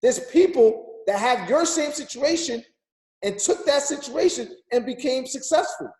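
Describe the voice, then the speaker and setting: In an echoey room, a man in his thirties delivers an emphatic, repetitive motivational talk on a group call, urging listeners on like a preacher. His voice is extremely high-pitched and darkish in tone, with lively intonation and a measured pace.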